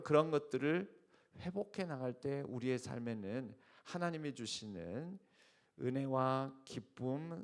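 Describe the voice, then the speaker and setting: A male pastor preaching an early-morning sermon, emphatic and explanatory, often putting rhetorical questions to the congregation. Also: mid-range voice. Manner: uses spoken fillers and restarts while explaining.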